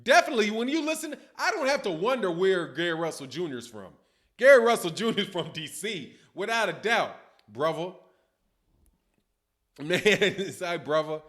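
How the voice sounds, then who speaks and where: A middle-aged man with a Chicago accent hosts a boxing livestream from a dim room at home, seated at his desk and speaking into a webcam. His voice is high and sing-song, a bit bright, and moves at a moderate pace as he reads viewer comments in loose, slangy chat.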